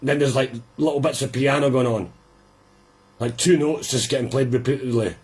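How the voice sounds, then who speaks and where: Playing a record for a live listening party, this male host rambles casually, quietly amused. He talks at a moderate clip in a husky, medium-pitched voice.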